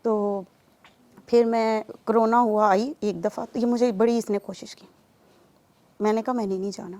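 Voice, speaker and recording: A woman's voice: on the high side, fairly even intonation, darkish tone. Earnest Pakistani woman giving testimony. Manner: earnest, grows emphatic and pleading while recounting. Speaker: testimony giver. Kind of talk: personal testimony interview.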